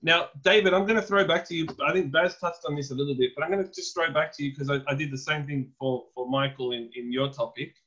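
A man's voice: on the high side, fairly even intonation, fast talker, few pauses, pushed and bright, highs cut off. A man in his thirties moderating a webinar panel over a video call, handing questions to the guests in a conversational way.

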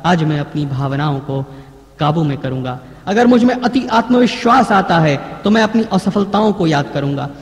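Man, high-pitched, motivational lecture, emphatic, roomy echoey sound. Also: animated. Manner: emphatic, declaiming with repeated slow phrases. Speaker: trainer. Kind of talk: motivational lecture, reading pledges aloud. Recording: echoey hall.

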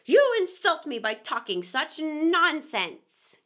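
A woman's voice: extremely high pitch, huge pitch swings, slow pace, a bit bright, voice pushed up, full character voice. A woman voicing a touchy, easily offended mouse that speaks sharply and angrily. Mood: indignant. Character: touchy, angry little mouse. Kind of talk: storybook read-aloud.

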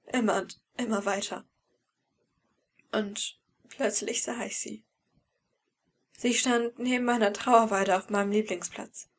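A woman's voice: medium pitch, steady tone, a little slow, pauses often. A woman reading a fan-fiction audiobook in first person, with emotional, tense storytelling. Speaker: audiobook reader.

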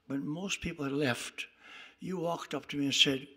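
A man's voice: a little high, fairly even intonation, moderate pace, pushed and bright, pitched below the performer's own voice. A man quoting a newly converted woman who tells her story earnestly and emotionally.

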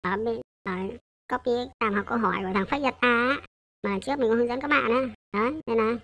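A woman's voice: fairly high pitch, quick pace, fairly bright tone. A woman, talking through a programming tutorial in a loose, hesitant way. She corrects herself and keeps checking in with her listeners. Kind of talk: casual coding tutorial.

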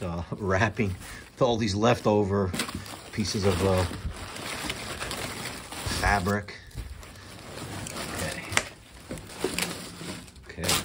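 A middle-aged man vlogging casually about his motorcycle, rambling and thinking aloud as he goes, recorded outdoors on a helmet-mounted action camera. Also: lowish voice. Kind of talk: casual vlog narration. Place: outdoors, driveway and on a moving motorcycle. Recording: road and engine noise.

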